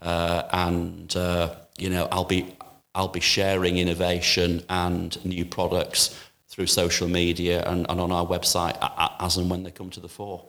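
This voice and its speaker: A man who runs a kitchen appliance shop, answering interview questions in a measured way with many "uh" pauses and restarts. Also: sits low, monotone, fairly bright tone. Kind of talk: business interview.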